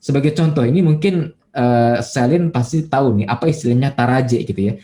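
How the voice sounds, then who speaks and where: A man preaching as a pastor in a relaxed, conversational church talk, with many fillers and quoted everyday voices. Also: medium pitch, brisk. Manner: acts out everyday quotes in a livelier voice. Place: church online service.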